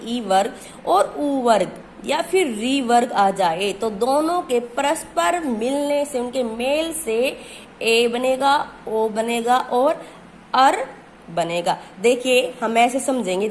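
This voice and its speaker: A woman's voice: on the high side, slight background noise. A woman teaching a grammar lesson, who asks questions and answers them herself and stretches out key words.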